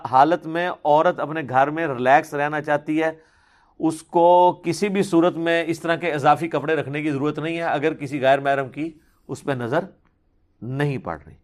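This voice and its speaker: A man giving a religious question-and-answer talk, reasoning patiently and pressing hard on his key points. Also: on the high side.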